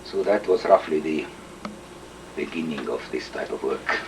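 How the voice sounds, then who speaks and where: An older man from Estonia, his first language Estonian, recalling his career in an interview, measured and hesitant with frequent fillers and throat clearing. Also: extremely low pitch, animated, recorded from a distance, slight background noise, low-quality recording. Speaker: interviewee, chemist. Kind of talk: oral history interview.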